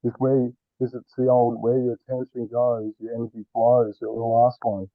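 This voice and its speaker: A man on a group call, his voice muffled as if underwater, speaking earnestly with halting restarts. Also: mid-range voice, completely flat delivery, no echo. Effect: muffled, underwater-sounding audio. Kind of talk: casual group discussion. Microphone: remote call, no earphones. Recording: muffled phone-like call line.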